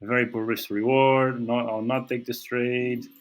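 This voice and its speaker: In an unhurried, mid-range voice with little pitch movement, a man who speaks Portuguese natively and has a Portuguese accent hosts a trading analysis. He goes over charts on screen, filling his talk with hesitations and restarts.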